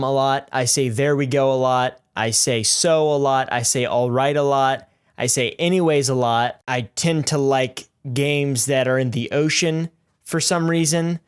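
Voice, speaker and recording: Young man, late teens, casual comment-reading vlog, lively swooping pitch, self-mocking and goofy, curses. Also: smooth. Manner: goofy and self-mocking, swears, jumps into mock outrage. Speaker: YouTuber reading viewer comments.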